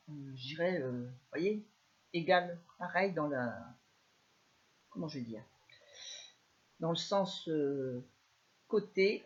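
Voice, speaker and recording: A woman with a northern French accent giving a live scrapbooking tutorial, chatty and soft-spoken, with many fillers. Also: on the low side, lo-fi sound. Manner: speaks softly, chatty, many fillers like "alors" and "hein". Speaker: scrapbooking demonstrator.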